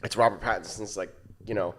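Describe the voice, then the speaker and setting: A man's voice: fairly low pitch, steady tone, quick pace, fairly bright tone. Laid-back man chatting on a podcast. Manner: laid-back, short agreeing replies. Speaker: podcast co-host. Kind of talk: casual chat.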